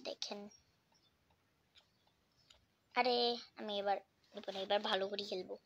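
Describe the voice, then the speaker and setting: A woman giving casual, chatty commentary while playing mobile games, often dropping into a hushed whisper. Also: medium pitch, steady tone, slow pace, slight background noise. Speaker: gaming vlogger.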